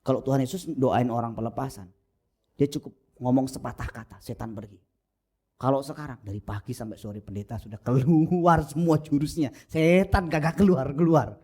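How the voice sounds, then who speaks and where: A man preaching a sermon as pastor, animated and jokey, with mimicry and sudden soft asides, on a lo-fi church recording. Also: moderate pace, husky. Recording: lo-fi low-bitrate church recording.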